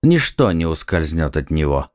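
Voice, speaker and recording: A man's voice: rumbling low, big pitch swings, moderate pace, a little mellow, no echo, clean studio sound, voice pushed down. Man voicing a stern noble musketeer, curt, scolding, storybook figure.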